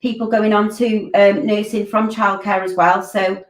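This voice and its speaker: A woman in her forties, a college curriculum director, hosts a Q&A stream from a room at home, answering viewer questions informally with many ums and restarts. Her voice sits in the mid range, with a level tone and a measured pace. She's picked up from a distance by a laptop webcam mic on a video call, so the sound is roomy.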